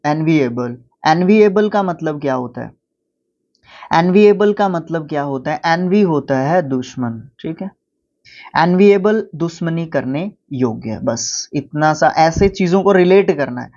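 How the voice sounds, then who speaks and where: A man with an Indian accent teaching a vocabulary lesson, explaining words and reading English definitions slowly. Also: on the high side, darkish tone, highs cut off.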